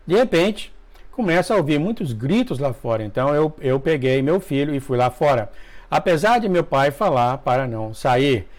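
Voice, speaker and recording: A man reading a dream testimony aloud to viewers, emotional, with asides, often coughing and clearing his throat. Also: on the high side, lively intonation, moderate pace. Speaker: religious video narrator.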